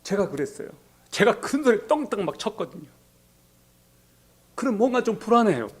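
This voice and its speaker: A man preaching a sermon as pastor, telling the story and acting out quoted lines in a softer, lower voice. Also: very animated, normal speed, breathy edge.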